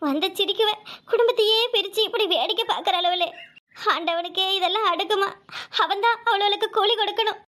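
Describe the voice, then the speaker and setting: Lamenting cartoon village mom, very high and bright voice, southern Tamil Nadu accent, as a woman voices her. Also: fairly quick. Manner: complaining and lamenting. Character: weary, lamenting village mother. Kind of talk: cartoon voice acting.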